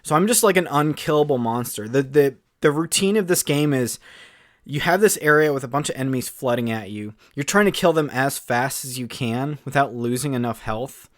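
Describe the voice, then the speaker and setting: A man co-hosting a podcast, chatting casually and excitedly in long rambling runs full of fillers. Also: medium pitch, moderate pace, dry recording, clean studio sound. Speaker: podcast co-host. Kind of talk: casual chat.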